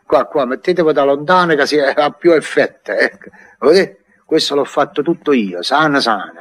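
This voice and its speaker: A man's voice: fairly high pitch, animated, normal speed, fairly bright tone. A chatty Neapolitan father. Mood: proud. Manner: rambling, chatty, proud. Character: fond older Neapolitan father, proud of his crib. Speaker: actor in a radio play. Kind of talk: 1950s radio drama acting.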